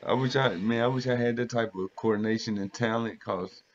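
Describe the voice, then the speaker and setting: A man's voice: medium pitch, a little fast, lo-fi sound. A man chatting casually in a playful, colloquial way, with hair clippers buzzing nearby. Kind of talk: casual chat.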